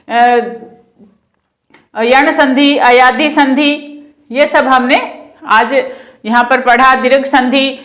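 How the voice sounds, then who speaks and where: A middle-aged woman teaching a grammar lesson, patient and slow, repeating each sound for her pupils. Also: high voice, a bit bright.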